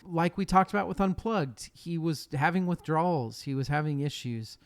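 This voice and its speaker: A man's voice: on the high side, moderate pace. A man hosting a casual podcast, chatty and swearing, often restarting his sentences. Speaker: podcast host.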